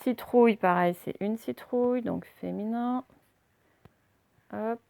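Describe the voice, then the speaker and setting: A woman's voice: on the high side, takes it slowly, creaky, mellow. A woman teaching a spelling lesson to children, patiently spelling out words letter by letter.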